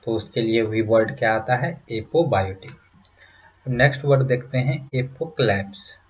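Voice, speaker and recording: A man's voice: medium pitch, highs cut off. A man teaching word roots in a patient lesson, repeating each meaning and asking his listeners rhetorical questions. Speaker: vocabulary teacher. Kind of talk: slow explanatory lesson in mixed Hindi and English.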